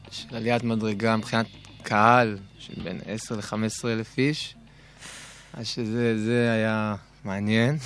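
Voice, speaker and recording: Male musician guest, mid-pitched, informal studio interview chat. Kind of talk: casual chat. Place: radio studio.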